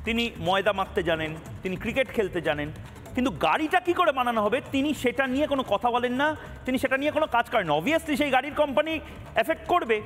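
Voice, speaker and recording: A man's voice: very high-pitched, lively intonation, quick pace, fairly bright tone, long reverb tail, faint music behind. A man, a news anchor pressing a guest in a televised debate. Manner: pressing, interjecting. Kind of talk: debate moderation.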